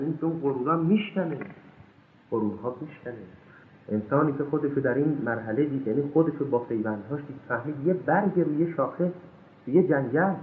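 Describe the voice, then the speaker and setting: A man preaching an impassioned sermon, reciting scripture verses slowly and swinging between loud high outbursts and low hushed asides. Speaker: religious lecturer. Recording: echoey, tinny lo-fi recording.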